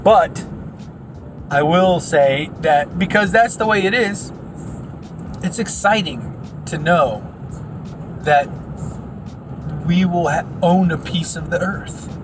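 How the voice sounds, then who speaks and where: A man's voice: high voice, takes it slowly, pauses often, noisy background. A man talking casually to his camera as a vlogger, joking and punning as he rambles along. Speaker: vlogger documenting a land purchase. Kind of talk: casual vlog chat.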